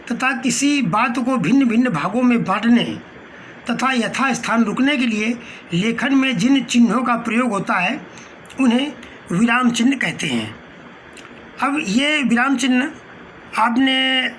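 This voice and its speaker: A man's voice: extremely high pitch, sharp tone. Male teacher, patient lecturing tone, stops on fillers, glosses terms, faint hiss. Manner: patient and explanatory, glossing Hindi terms with English words; pauses mid-phrase with short fillers. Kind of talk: spoken lecture.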